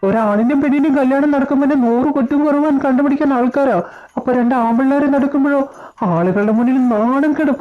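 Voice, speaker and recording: A woman's voice: high voice, fast talker, pitched above the performer's own voice, natural voice. A woman voicing a short-tempered, blustering father. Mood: indignant. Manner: scolding, threatening. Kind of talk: amateur audio drama dub. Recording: dull lo-fi recording with faint music.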